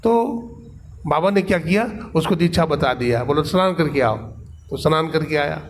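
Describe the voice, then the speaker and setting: A man gives a sermon as a spiritual teacher, telling a parable and voicing its characters. His voice sits a little high. A faint hiss of noise runs under the recording. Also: animated, moderate pace. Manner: acts out the characters' quotes in the story. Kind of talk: storytelling sermon.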